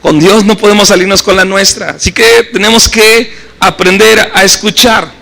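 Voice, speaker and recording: High, bright-voiced Mexican pastor preaching. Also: male voice, fairly even intonation, normal speed, creaky, low-quality recording. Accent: Mexican Spanish. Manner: conversational preaching with frequent tag questions. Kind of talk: sermon. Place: church service.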